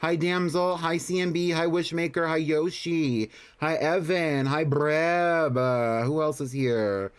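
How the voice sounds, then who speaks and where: A man with a fairly high, smooth voice hosts a casual game livestream, speaking slowly in a steady tone with hardly any pauses. Chatty and friendly, he greets viewers and comments on play while music plays behind him.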